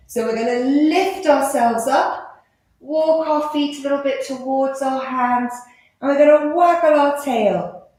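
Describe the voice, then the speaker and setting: A woman teaching a live children's yoga class, giving gentle, encouraging, playful instructions. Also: high voice. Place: live class in an indoor room. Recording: very echoey room.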